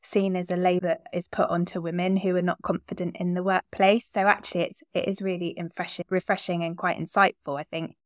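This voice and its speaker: Woman, middle-aged, slightly low pitch, podcast interviewer, affirming and reflective, very dry close sound. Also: little pitch movement, a little fast, hardly any pauses, no room sound. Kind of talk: conversational interview.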